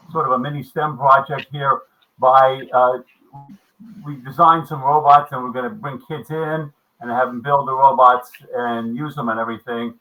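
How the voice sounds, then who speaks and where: This man in his seventies belongs to a maker club and rambles through a casual video meeting chat, restarting often and filling gaps. He has a mid-range, sharp-toned voice captured on a low-quality recording.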